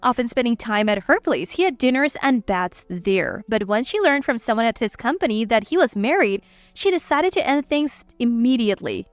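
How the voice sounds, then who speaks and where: A woman's voice: a little high, lively intonation, moderate pace, hardly any pauses, no room sound. A woman narrating a first-person story in a cool, blunt, scornful manner. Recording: dry voice with faint music.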